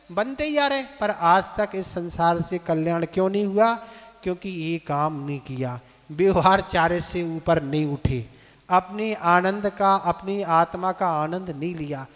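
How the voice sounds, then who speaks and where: Slow high-voiced monk in a reverberant temple hall. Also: male voice. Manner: slow, deliberate, breaks verse into syllables for listeners to repeat; asks the audience questions. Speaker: Jain monk teaching scripture. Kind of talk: scripture lesson, call-and-repeat recitation.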